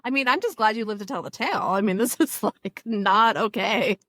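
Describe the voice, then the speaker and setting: A woman hosting a podcast, asking questions in a casual, playful way and reacting with quick laughs. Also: mid-range voice, a bit bright, dry recording. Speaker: podcast host.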